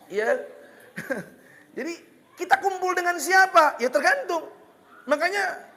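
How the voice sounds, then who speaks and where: A man with a Betawi accent preaching a lively, joking sermon, slipping into Betawi slang. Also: very high voice, in a large hall. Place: hall with religious gathering.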